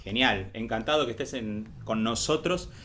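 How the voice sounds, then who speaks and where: A man's voice: mid-range voice, normal speed, pushed and bright, a little hiss or hum. A man hosting a faith interview show in an upbeat, welcoming way. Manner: upbeat, welcoming host patter. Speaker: host.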